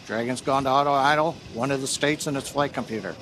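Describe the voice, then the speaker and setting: A man's voice: mid-range voice, quick pace, a bit bright, a little hiss or hum. A man giving live launch commentary as a webcast commentator, explaining in a technical way.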